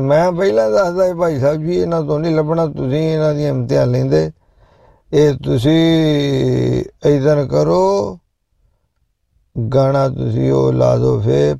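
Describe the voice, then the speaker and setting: A middle-aged male host with a deeply gravelly, heavily fried voice, his tone dark and mellow, heard dry and close. He talks loudly and at length to his listeners, joking one moment and preaching the next. It comes across as a casual live chat between songs. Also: no room sound, highs cut off. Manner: loud, preachy, jokey, talks directly to listeners. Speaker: show host.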